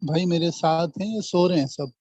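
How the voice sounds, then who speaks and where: A man teaching Arabic grammar in an online lesson, speaking slowly and repeating each term and example. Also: on the high side, mellow, no room sound. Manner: slow, repeats terms and drills examples. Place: online video call. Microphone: computer mic on a video call. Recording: dull, dry video-call audio.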